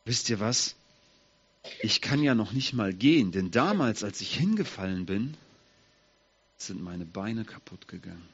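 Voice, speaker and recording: A man telling a Bible story in the first person as a lame, humble young man, asking his listeners questions in a slightly husky voice. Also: on the low side, highs cut off, pitched below the performer's own voice. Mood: downcast. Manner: addresses listeners directly, asks them questions.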